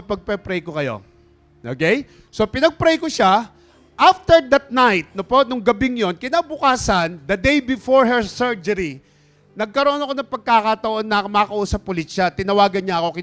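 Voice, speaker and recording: A man's voice: sits high, expressive, normal speed, fairly bright tone. A man preaching a sermon in a church, telling a story and often asking the congregation for an amen. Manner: storytelling, asks the congregation for amens. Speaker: pastor.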